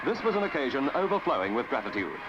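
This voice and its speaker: A man giving crisp, declamatory 1950s newsreel commentary with dramatic emphasis, as an old newsreel narration. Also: medium pitch, big pitch swings, fast, background noise. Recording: dull lo-fi 1950s newsreel soundtrack with music.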